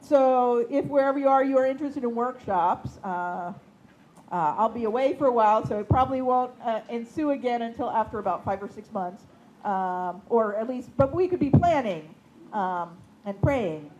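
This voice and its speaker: A woman's voice: fairly high pitch, normal speed, a little mellow, highs cut off. A woman leading a puppetry workshop, chatting casually to her class with lots of fillers. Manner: chatty, many fillers, laughs easily. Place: indoor seminary classroom. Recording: faint background noise.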